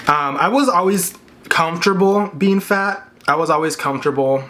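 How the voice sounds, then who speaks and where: Talking with food in his mouth, a vlogger hosts a casual eating video, sprinkling "like" through his candid chatter. His voice runs on the high side, pushed and bright, at a moderate pace. The recording clearly picks up background noise plus clinking and clicking dishes.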